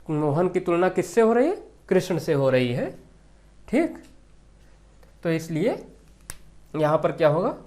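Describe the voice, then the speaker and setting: Exam-prep teacher, unhurried lecture, mid-pitched voice, repeats key terms, asks rhetorical questions. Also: darkish tone. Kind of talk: classroom lecture explaining grammar questions.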